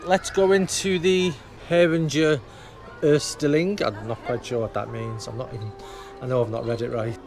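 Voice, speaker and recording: Outdoors in a theme park, a male vlogger presents his walk with loose, rambling commentary, thinking aloud as he strolls. His voice sits at medium pitch, slightly mellow, with fairly even intonation and normal speed, and music runs in the background.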